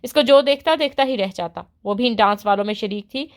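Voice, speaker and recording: A woman narrating a romance novel as an audiobook in an expressive storytelling manner. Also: a little high.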